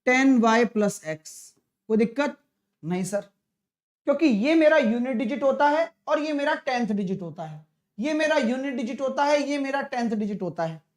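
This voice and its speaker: Here a man teaches an exam-prep maths class online and live, his voice very high-pitched with lively intonation. He is friendly and coaxing, quizzing the students nonstop with quick questions.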